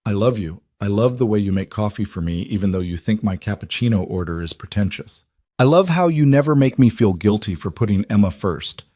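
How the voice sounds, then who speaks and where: A man's voice: fairly low pitch, mellow, no echo, studio quality, natural voice. A man voicing a nervous but heartfelt man proposing, speaking tenderly in a storybook reading. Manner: earnest, tender.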